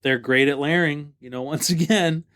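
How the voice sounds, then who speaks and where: A man co-hosting a podcast, chatting casually about albums in a relaxed, rambling way full of fillers and restarts. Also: fairly high pitch, moderate pace. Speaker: podcast co-host. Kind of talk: casual music review chat.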